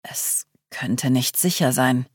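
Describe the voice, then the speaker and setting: A woman reading the part of a calm, guarded man leading a group, speaking tersely and evasively. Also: a bass voice, slow pace, breathy edge, no echo, clean studio sound, voice pushed down, full character voice. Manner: terse, composed, ominous.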